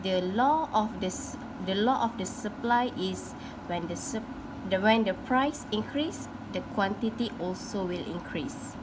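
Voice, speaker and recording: A young woman, a university student, giving a class presentation on a graph, halting and restarting as she explains. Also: mid-range voice. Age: young adult. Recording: noisy phone recording with hum.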